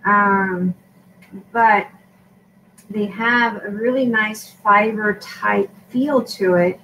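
A woman's voice: mid-range voice, extremely slow, bright, forceful tone, far from the mic, a little hiss or hum, rough recording. A woman vlogger chatting casually as she shows craft supplies in a tutorial for her shop, rambling with lots of fillers.

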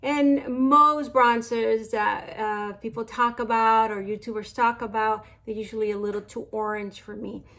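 This beauty vlogger is a middle-aged woman from Mexico whose voice is a little high and fairly bright, with fairly even intonation. Reviewing makeup in a relaxed, chatty way, she takes her time, and her Mexican Spanish accent comes through alongside fillers and asides that trail off.

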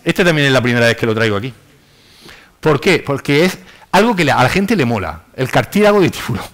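A man giving a public science lecture in an animated, ironic way, acting out quotes in mock voices. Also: mid-range voice, a little fast. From Spain. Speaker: university lecturer. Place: lecture hall with audience.

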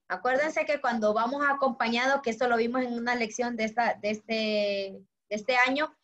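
A woman's voice: fairly high pitch, pushed and bright. A woman teaching a class to children, patient and affectionate, walking them through a table of verbs. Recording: dull lo-fi audio.

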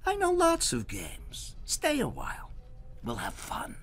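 A man voicing a cheerful, cunning male trickster in a high, teasing voice. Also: huge pitch swings, unhurried, fairly bright tone, heavily acted.

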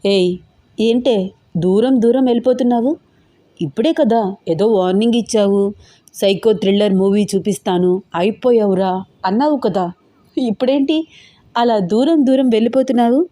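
A woman's voice: on the high side, moderate pace, long pauses, warm tone, no room sound, lightly acted. Woman doing a teasing young fiancé. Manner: playful, teasing.

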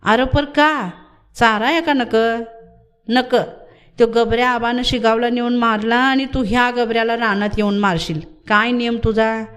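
A woman's voice: a little high, fairly even intonation, unhurried, fairly bright tone. Fakira, a cheeky village boy, as a woman reads him. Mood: defiant. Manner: teasing, singsong chanting. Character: cheeky ten-year-old village boy, bossy and playful.

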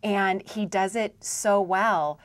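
A woman's voice: medium pitch, steady tone, slow. A young woman interviewer in a studio, hosting a book interview in a chatty way with lots of restarts. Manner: chatty, many restarts and fillers. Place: studio with dark backdrop.

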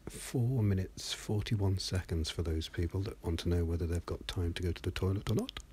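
A man with a deep, low voice narrates a screen-recorded animation walkthrough. He keeps to a quiet monotone, slipping into a half-whisper. He speaks close to a desk microphone, with faint background noise. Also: brisk.

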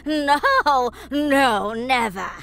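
Cackly evil witch, slow gloaty taunts, super swoopy, audio drama. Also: high-pitched, lively intonation, fairly bright tone, faint music behind, full character voice. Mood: mocking. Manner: theatrical, drawn-out taunting, cackles. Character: gloating, menacing wicked witch, mocking and cackling. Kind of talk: family audio drama acting.

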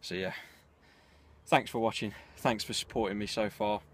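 A man's voice: on the low side, fairly even intonation, moderate pace, slight background noise. A young man talking to camera just after leaving the gym, out of breath and tired. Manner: tired, direct talk to camera. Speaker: fitness vlogger. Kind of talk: casual vlog to camera. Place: outdoors just outside a gym.

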